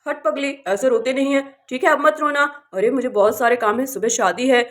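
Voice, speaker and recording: A woman's voice: high voice, a little fast, close to an everyday voice. A woman doing a worried, caring village husband. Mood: earnest. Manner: firm, consoling. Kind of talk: doll-play village drama.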